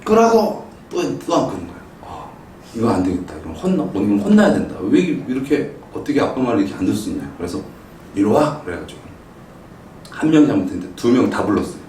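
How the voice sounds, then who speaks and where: A middle-aged male pastor preaching a sermon, telling a family story and acting out his own shouted lines with animated storytelling. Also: mid-range voice, fast talker, a little hiss or hum. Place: church sanctuary. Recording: roomy echo, mic some distance off.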